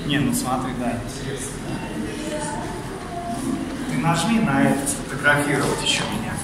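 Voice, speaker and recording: A man's voice: medium pitch, moderate pace, far from the mic. A man in his thirties chatting casually with companions, his voice echoing as in an empty warehouse. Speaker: vlogger filming an outing. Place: large round indoor hall. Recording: echoey hall with crowd noise.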